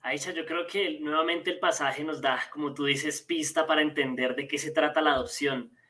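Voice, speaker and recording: A man on a church panel speaking in a measured way and reading scripture aloud. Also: on the high side, fairly even intonation, bright, forceful tone. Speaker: panel guest.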